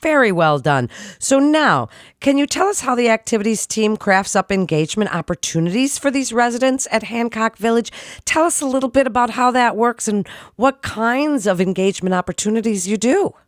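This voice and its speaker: A woman hosting a hospital health program, introducing and questioning a guest in a polished, expressive way. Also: fairly high pitch, moderate pace, dry recording, studio quality. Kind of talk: hosted interview. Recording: faint music behind.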